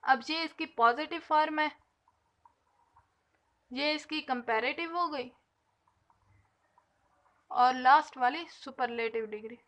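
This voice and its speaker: A woman teaching an English grammar lesson, explaining patiently and slowly stretching out the example words. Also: sits high, fairly bright tone.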